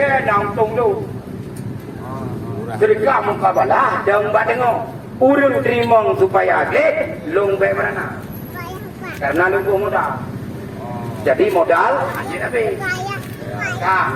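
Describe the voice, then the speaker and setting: A man with an Acehnese accent gives a joking, bantering sales pitch as a street medicine seller outdoors. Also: animated, unhurried, creaky, long pauses. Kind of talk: comic open-air sales pitch. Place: outdoors in a town square. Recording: distant, echoey, noisy outdoor recording.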